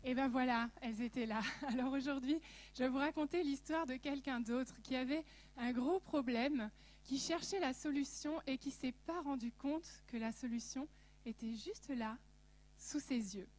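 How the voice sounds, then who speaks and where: A woman from Alsace giving a church message, telling stories in a lively, humorous way and speaking directly to the audience. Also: high-pitched, moderate pace. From Alsace, France. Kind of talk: sermon with storytelling.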